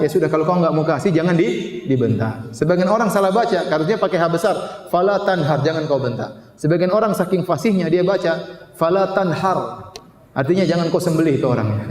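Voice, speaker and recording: A man giving a lively Islamic sermon, joking with listeners and quoting Arabic. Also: fairly high pitch. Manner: lively, jokes with the audience, quotes Arabic. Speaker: Islamic preacher. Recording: echoey hall with long reverb.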